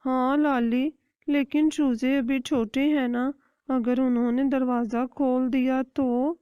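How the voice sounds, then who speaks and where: A woman voicing a caring, worried mother hen in a cartoon, speaking gently. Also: high voice, little pitch movement, clean tone, no echo, pitched above the performer's own voice, natural voice. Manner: gentle, pleading explanations. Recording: dull dry lo-fi recording.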